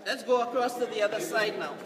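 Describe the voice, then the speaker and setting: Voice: medium pitch, fast, heavy background noise. Echoey cave tour guide, distant. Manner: instructive, repeats directions to a group. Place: inside a dark cave.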